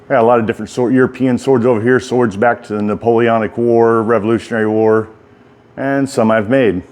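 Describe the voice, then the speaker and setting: A man's voice: medium pitch, steady tone, a little fast, a little mellow. A middle-aged American man giving a casual, rambling walk-through tour in folksy, informal speech, talking out of the side of his mouth. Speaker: writer and bladesmith giving a workshop tour.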